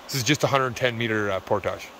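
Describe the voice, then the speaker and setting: Easygoing male outdoor vlogger, mid-pitch, rambling and worn out, light background noise. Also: fast talker, sharp tone. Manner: easygoing, rambling, with fillers and laughs. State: tired. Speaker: vlogger on a canoe trip. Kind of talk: casual outdoor vlog narration. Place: outdoors on a wilderness lake and river trip.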